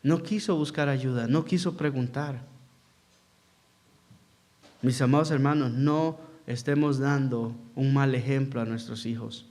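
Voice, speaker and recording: A man's voice: medium pitch, fairly even intonation, unhurried, a little mellow. A man preaching as pastor in a church hall, asking the congregation questions and acting out quotes in a sermon.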